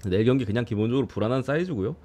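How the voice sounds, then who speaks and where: A man giving a casual streamed preview of baseball games, blunt and quick to swear and grumble. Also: mid-range voice, expressive, dark tone. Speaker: baseball betting analyst streamer.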